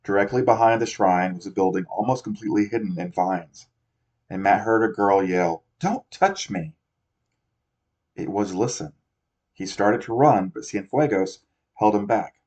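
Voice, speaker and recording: A man's voice: on the low side, fairly even intonation, moderate pace, a little mellow. A man narrating a novel aloud, often stumbling and correcting himself as he reads. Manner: reads with frequent slips and self-corrections. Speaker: audiobook reader. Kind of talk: amateur audiobook narration. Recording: dull lo-fi recording.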